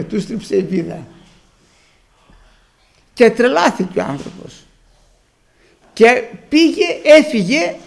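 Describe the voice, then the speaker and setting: A man's voice: high-pitched, gravelly. A man preaching a sermon, telling stories and acting out the people he quotes. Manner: storytelling, lively retelling with acted quotes.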